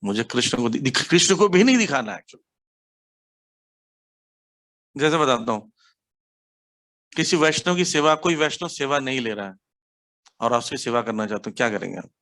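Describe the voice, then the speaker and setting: A man from India giving a devotional class, telling stories animatedly and mixing English words into his speech. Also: a little fast. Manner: animated storytelling, acts out quotes with sharp pitch jumps. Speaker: preacher.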